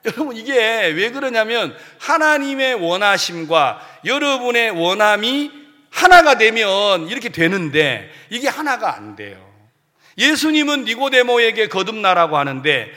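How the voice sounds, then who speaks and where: Lively high-voiced preacher in reverberant hall. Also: male voice. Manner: animated preaching, acting out congregants' voices with humor. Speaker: pastor. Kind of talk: sermon. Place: church sanctuary.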